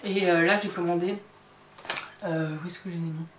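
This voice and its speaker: Showing her purchases to the camera from her home workshop, a woman hosts a crochet and knitting podcast in hesitant, filler-heavy casual chat. She speaks at normal speed in a lowish, fairly even voice, captured by a distant mic in a roomy space with faint ambience and a noisy background.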